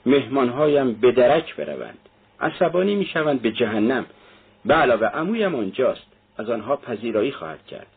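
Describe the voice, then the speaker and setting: A tipsy, loyal young man blusters loudly, as a male reader puts him on. His voice is husky and rough. The sound is thin and phone-like. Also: mid-range voice, animated. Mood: blustering.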